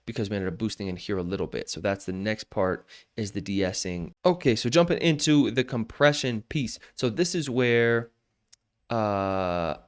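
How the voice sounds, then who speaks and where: A man teaches vocal mixing in a loose, casual screen-share tutorial from his home studio, often restarting sentences as he explains. His voice sits on the low side, animated, at a normal speed.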